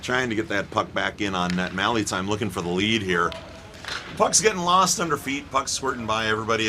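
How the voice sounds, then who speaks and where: In a noisy rink booth, a man with a medium-pitched voice does play-by-play for an amateur hockey game. His commentary is jokey, playfully roasting the players.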